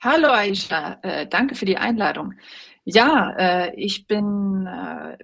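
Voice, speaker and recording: A woman in her forties speaks with a gravelly, fry-tinged voice at a middle pitch. She answers interview questions thoughtfully, pausing on fillers and laughing lightly now and then. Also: animated, a bit bright. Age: 40s. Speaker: guest, journalist. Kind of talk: casual interview talk.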